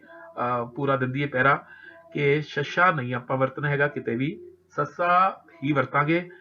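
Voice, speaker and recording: A man with a Punjabi accent reciting Sikh scripture in a steady chant, pausing to instruct the congregation earnestly. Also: mid-range voice. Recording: dull lo-fi recording.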